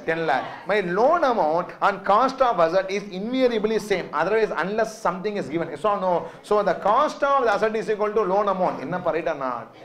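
A man with a South Indian Tamil accent lecturing a class step by step, emphatic and repetitive, constantly checking with short questions. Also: high-pitched. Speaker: finance teacher.

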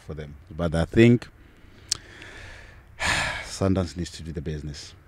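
A middle-aged man co-hosting a football podcast outdoors, relaxed and laughing often, repeating words as he talks, speaking into a mic on a stand. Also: rumbling low, measured pace, breathy edge. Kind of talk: casual football talk. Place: outdoors on a sunny football field. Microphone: handheld mic on a stand.

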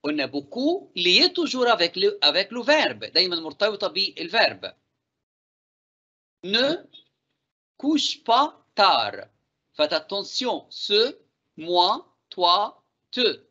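Slow, bright Egyptian man teacher. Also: high voice, big pitch swings, dull audio. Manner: slow, deliberate drilling of phrases. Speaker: French teacher. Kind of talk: exam review lesson.

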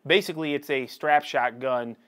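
Wearing a lapel mic, an American man in his thirties gives a casual walkthrough vlog of a construction site, from inside a tool container up to an open upper floor. Enthusiastic and talkative, he explains things as he walks, his medium-pitched, fairly bright voice at a moderate pace.

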